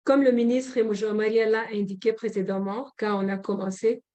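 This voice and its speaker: A woman from Rwanda, a government representative, giving a formal closing speech at a forum in a measured way, with frequent pauses and hesitations. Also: medium pitch, fairly even intonation, warm tone, muffled recording.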